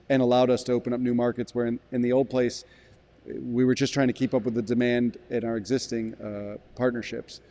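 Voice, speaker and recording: A man in his forties, a brewery sales director, giving a measured interview in a barrel room with frequent restarts. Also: medium pitch, mellow. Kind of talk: business interview.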